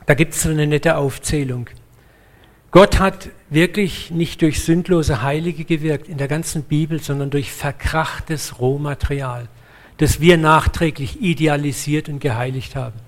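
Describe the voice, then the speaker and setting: A man preaching a sermon in a lively, blunt way, acting out the voices of the people he quotes. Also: a little high, measured pace.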